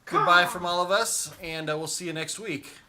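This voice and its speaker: A man running a tabletop game as game master, narrating scenes in an animated, playful way. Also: high-pitched, normal speed, a loud crowd.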